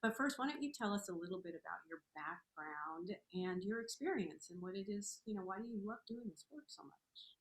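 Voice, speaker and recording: A woman's voice: medium pitch, lively intonation, brisk, few pauses. A woman hosting an interview in an effusive, encouraging, conversational way, recorded with a roomy echo. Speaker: interview host. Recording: roomy, echoing sound.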